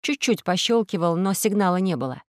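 A woman narrating a children's audiobook in an even storytelling manner. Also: on the low side, fairly quick, no echo, studio quality. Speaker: audiobook reader.

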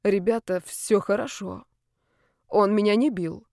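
A woman voicing a shaken young woman who speaks weakly and haltingly. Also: mid-range voice, creaky, warm tone, no echo, studio quality. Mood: dazed. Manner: slow, faint and halting.

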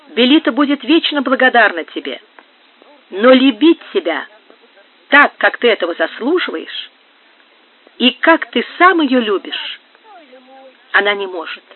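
A man's voice: very high-pitched, very animated, measured pace, pauses often, exaggerated voice. A man reading a young woman who pleads tearfully with a rejected lover, heard through a narrow phone-like sound. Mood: pleading. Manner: pleading, emotional.

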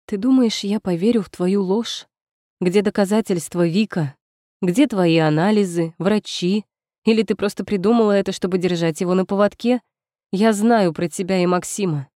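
A woman's voice: medium pitch, normal speed, no echo, clean studio sound, lightly acted. A woman voicing a fierce, defiant young heroine in a first-person story, speaking with barely held fury. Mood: furious. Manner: furious, forceful.

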